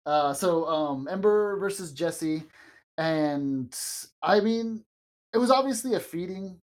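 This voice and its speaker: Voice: medium pitch, expressive, takes it slowly. Podcast co-host recording inside a closet. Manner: loose and rambling, with frequent fillers and laughs. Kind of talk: casual wrestling show review chat.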